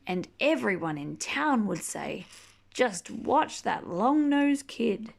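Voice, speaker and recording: A woman reading a rhyming children's book aloud expressively, drawing out key words and chatting gently to young listeners. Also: a little high, gravelly. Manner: animated, drawn-out key words, gentle questioning asides. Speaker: storybook reader reading to children.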